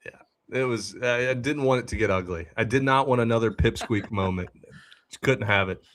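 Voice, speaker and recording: A young man hosting a casual sports podcast tells a funny story. He is animated, acting out the voices of the people he quotes. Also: medium pitch, normal speed. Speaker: podcast host.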